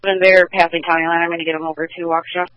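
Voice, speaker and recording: A man speaking as a radio dispatcher, flat and clipped, over a tinny radio line. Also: a little high, rapid-fire, no room sound.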